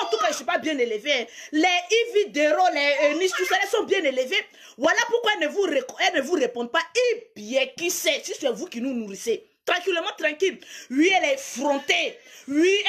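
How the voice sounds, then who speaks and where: A young woman, ranting loudly and mockingly at her followers, often shouting and laughing. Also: very high-pitched. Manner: loud, mocking, repeats catchphrase, shouts and laughs. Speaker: social media personality.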